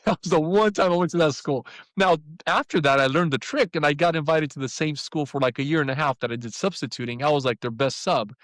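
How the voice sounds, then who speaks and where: Animated storytelling man in his fifties. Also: fairly high pitch, no room sound, low-quality recording. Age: 50s. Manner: animated storyteller, voices the people he quotes. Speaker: podcast guest. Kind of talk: personal storytelling.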